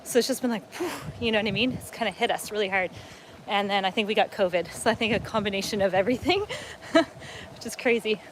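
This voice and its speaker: A woman's voice: mid-range voice, a little fast, a little hiss or hum. A middle-aged woman from upstate New York, hosting a casual livestream on a lakeside waterfront, chatting and reading viewer comments aloud as she walks. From upstate New York, USA. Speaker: travel vlogger hosting a livestream.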